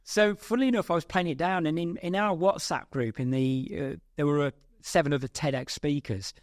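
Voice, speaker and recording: A man's voice: a little high, no room sound. Reflective man, guest speaker. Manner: reflective, measured storytelling. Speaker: podcast guest, public speaking coach. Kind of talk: casual interview chat.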